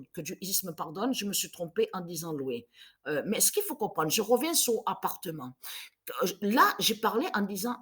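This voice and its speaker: A woman in her fifties delivering an angry, agitated monologue, repeating herself and stumbling through restarts. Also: medium pitch. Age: 50s. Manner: agitated, repetitive, stammering restarts. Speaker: vlogger.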